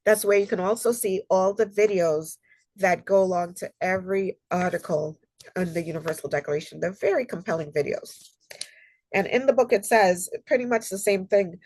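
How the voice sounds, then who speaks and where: Over a video call, a female human rights consultant delivers an online library talk, slightly nasal as she gets over a cold. She speaks at a normal speed with a medium-pitched, darkish voice, recorded poorly but without room sound. Her delivery is earnest and conversational, full of ums and personal anecdotes.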